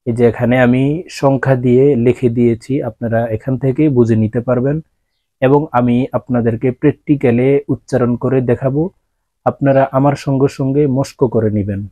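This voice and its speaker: A Quran teacher with a Bangladeshi Bengali accent teaches Arabic letter pronunciation in a mid-range voice. He explains calmly, then draws out each letter in slow, long sung tones. There's no echo.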